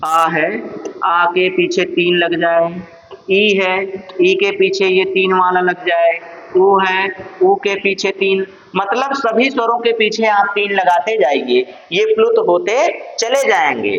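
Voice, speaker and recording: A man's voice: high-pitched, takes it slowly, fairly bright tone, slight background noise. A male teacher with a Purvanchal Hindi accent giving an exam-prep lesson on Sanskrit sounds. He keeps asking his own questions and answering them. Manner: addresses viewers as friends, asks and answers his own questions. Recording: dull lo-fi sound.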